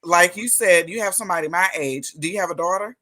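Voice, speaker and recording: A woman hosting a live interview show, talking in an emphatic, lively way with churchy turns of phrase. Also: fairly low pitch, fast talker, over a noisy crowd. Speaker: host.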